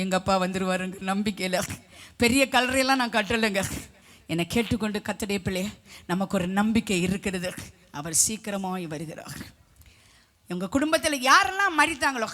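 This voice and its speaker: A middle-aged woman preaching a testimony sermon with fervor, swelling into loud emphatic declarations and sometimes singing hymn lines. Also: mid-range voice, brisk. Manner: breaks into sung hymn lines.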